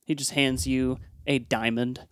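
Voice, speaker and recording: A man's voice: mid-range voice, little pitch movement, a little slow, a bit bright, no room sound, clean studio sound. Man narrating as game master. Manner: casual, improvised narration.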